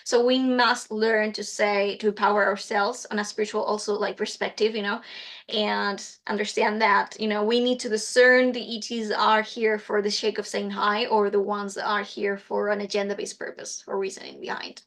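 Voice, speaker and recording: A woman's voice: mid-range voice, little pitch movement, moderate pace, fairly bright tone. A woman, a guest in an interview, speaking earnestly and reaching for words with fillers like "you know". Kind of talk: casual interview chat.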